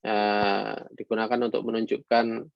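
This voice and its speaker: A man lecturing to students in a halting way, with many fillers and some read-out English phrases. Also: lowish voice, little pitch movement, vocal fry, dry recording. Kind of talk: online lecture. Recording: dull lo-fi sound.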